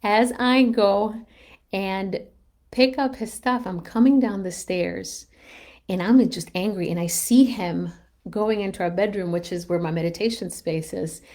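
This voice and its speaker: A woman's voice: mid-range voice, unhurried, darkish tone. A woman in her thirties, a mom telling a personal story on a casual live stream, candid and self-reflective, rambling with restarts and laughing at herself.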